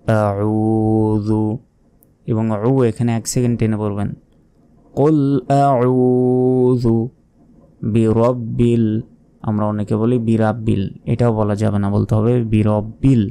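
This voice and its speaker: A man with a Bangladeshi Bengali accent teaching a Quran recitation lesson, explaining pronunciation and chanting verses slowly. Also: on the low side, dark tone, clear, resonant tone.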